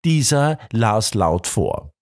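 A man narrating a detective story in an expressive reading voice. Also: lowish voice, slow pace.

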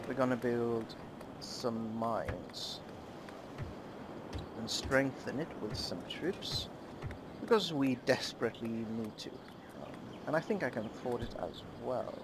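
Guy casually talking thru his strategy game, lots of ums, noisy background. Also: mid-range voice. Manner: halting, many ums and uhs. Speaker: let's play host. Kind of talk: casual gameplay commentary.

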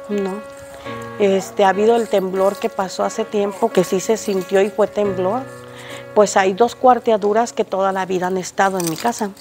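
An older resident with a Mexican Spanish accent answers a reporter's questions in a street interview, standing outdoors by the gate of her house. Her medium-pitched, creaky voice is hesitant and halting, with frequent restarts.

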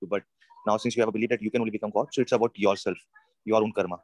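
Low flat-voiced guy replying in a study group, quiet and thoughtful. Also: racing, no room sound, rough recording. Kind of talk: answering in a class discussion.

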